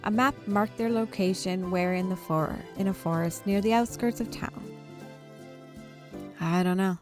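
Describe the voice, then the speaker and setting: A woman video game streamer reads visual novel text expressively in a medium-pitched voice at a measured pace, tossing in casual asides. Game music plays in the background.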